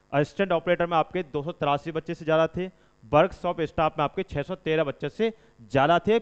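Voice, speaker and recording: A slightly high, clear, resonant voice belongs to a man giving students informal exam coaching. He teaches by instruction and drives points home through repetition. The recording comes across dull and lo-fi, with a long reverb tail.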